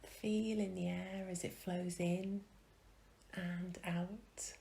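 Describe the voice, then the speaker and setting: A woman with a low-side, gravelly voice guides listeners through a soothing meditation. She barely varies her pitch, and her soft phrases trail into whispers between long pauses.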